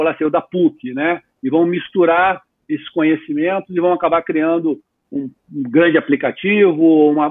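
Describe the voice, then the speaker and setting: A man in his fifties, a guest entrepreneur, talking in a casual, animated way with lots of slang in an interview. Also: fairly high pitch, no room sound. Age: 50s. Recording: tinny phone-like line.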